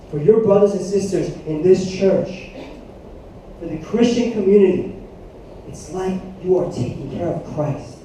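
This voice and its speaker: A man in his thirties preaches to a youth group, telling stories with lots of energy and asking the room to answer back. His voice sits high but sounds mellow and soft-edged. He is heard from some distance in a very echoey hall. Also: slight background noise. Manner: animated storytelling, asks the room for responses. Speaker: youth pastor. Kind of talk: sermon. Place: church hall.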